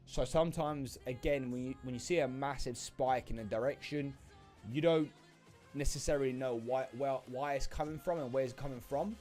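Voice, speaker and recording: A young man talks loosely into a desk microphone while hosting a livestream, greeting viewers and filling the gaps with ums. His pitch sits in the middle for a man. Faint music plays underneath. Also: normal speed, a little mellow. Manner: chatty, filler-heavy, greets viewers. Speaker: trading livestream host. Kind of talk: casual livestream chat. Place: home desk setup.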